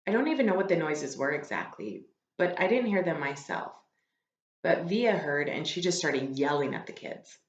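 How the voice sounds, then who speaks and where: A low-voiced woman reads to her students in a sing-song lilt at normal speed, adding conversational explanations and questions as she goes. The sound is muffled and echoey.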